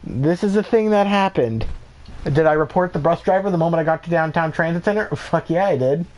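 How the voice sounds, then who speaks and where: A man's voice: fairly high pitch, a little fast, darkish tone. A man ranting in an exasperated way about his bad day while chatting on a gaming stream. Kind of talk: casual chat while playing.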